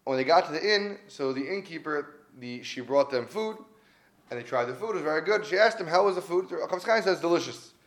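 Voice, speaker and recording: A man's voice: on the high side, animated, a little fast, a bit bright. A man giving an earnest weekly Torah talk, telling stories in a conversational way and stressing his points by repeating them. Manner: earnest, conversational, with emphatic repetition. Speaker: Torah teacher.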